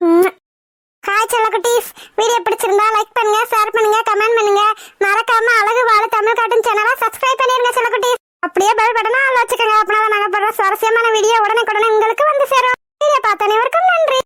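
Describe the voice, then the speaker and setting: Chirpy high-voiced woman host. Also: little pitch movement, quick pace, bright, forceful tone. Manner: chirpy, addressing kids. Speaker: channel host. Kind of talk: cheerful outro.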